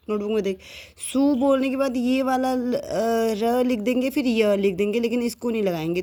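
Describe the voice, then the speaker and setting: A woman teaching a child to read, strict and patient, saying each word slowly and clearly for the child to repeat. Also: on the high side, a little mellow. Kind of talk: patient one-on-one reading lesson.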